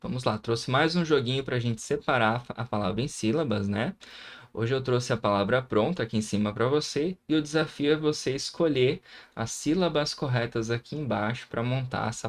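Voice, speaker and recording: Patient Brazilian teacher sounding out syllables. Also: male voice, medium pitch. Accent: Brazilian Portuguese. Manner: patient, sounds out syllables slowly, keeps checking in with "né?" and "tá bem?". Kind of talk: recorded grammar lesson.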